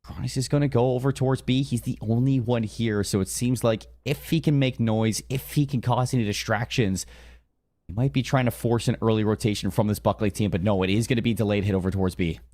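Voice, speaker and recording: A man's voice: lowish voice, fairly even intonation, a little fast, dark tone. A man giving live esports commentary, following the play and analysing team tactics as he goes.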